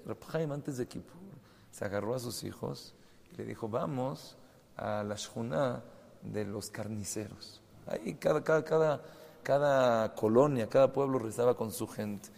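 Gravelly-voiced rabbi teaching in a hall. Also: male voice, mid-range voice. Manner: animated storytelling, sudden loud bursts. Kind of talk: Torah lesson with stories. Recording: long reverb hall, faint ambient noise.

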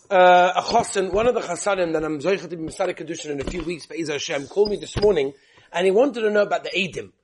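A man with teaching a religious class as a rabbi, telling stories with rhetorical questions and repeated phrases, in a husky voice. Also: high voice, slight background noise. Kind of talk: lively religious lesson with storytelling.

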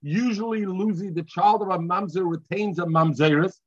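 A man's voice: high-pitched, normal speed, no echo, highs cut off. A man with a Yiddish accent giving an informal Talmud lesson, reading and explaining, often repeating himself and answering his own questions. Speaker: Talmud teacher.

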